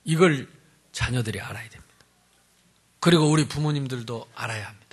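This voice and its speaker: A male pastor preaching a sermon in an animated, humorous way, swinging between loud emphasis and quiet asides. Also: medium pitch, fairly quick, breathy edge.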